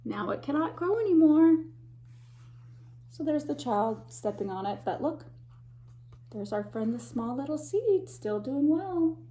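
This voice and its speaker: A slightly high-voiced woman gives a warm, animated storytime reading of a picture book, like a teacher with children. She changes her pacing for suspense, gasping or whispering, and pauses to point out pictures and ask little listeners what they see. A faint hiss or hum is audible.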